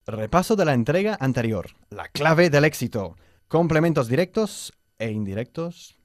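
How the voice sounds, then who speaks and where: A man leads a language drill with a lively, swinging pitch. He praises often and stops to correct the student's pronunciation. The recording is dry and close, with no room sound. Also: moderate pace, dry recording. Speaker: English teacher.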